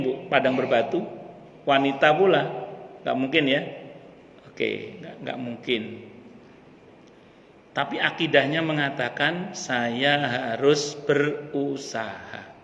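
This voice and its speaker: Male preacher, slightly high voice, repetitive and questioning, echoey dull mosque recording. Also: fairly bright tone, a little hiss or hum. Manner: repetitive, asks the audience questions. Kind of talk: sermon to a women's study group. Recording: echoey hall, dull lo-fi sound.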